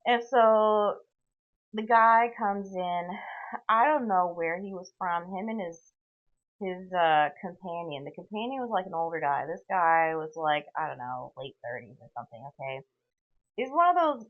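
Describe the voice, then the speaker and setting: Woman, deep voice, sardonic, tangential storytelling, thin lo-fi voice recorder sound. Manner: tangential, sardonic, frequent "okay?" asides. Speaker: podcast host. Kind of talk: rambling solo storytelling.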